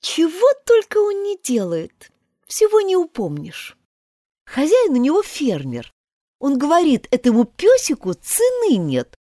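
Lady doing an eager little girl from a storybook, high and sing-songy, pleading and chatty, dead dry mic. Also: wildly swooping pitch, unhurried, mellow, dry recording, heavily acted. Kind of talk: audiobook character voice.

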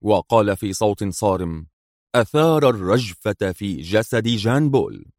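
A man narrating an audiobook thriller in a measured, dramatic storytelling manner. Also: lowish voice, animated, a little mellow, dry recording, clean studio sound.

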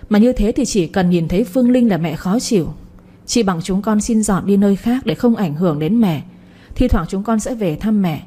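A woman's voice: medium pitch, normal speed, slightly rough, natural voice. A woman voicing a pleading devoted son. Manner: pleading, soft-spoken.

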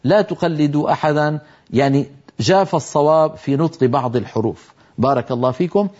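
A middle-aged man teaching Quran recitation, explaining rules and slowly demonstrating how words should be pronounced. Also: mid-range voice, warm tone. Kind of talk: tajweed lesson with recited examples. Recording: dull lo-fi TV broadcast audio.

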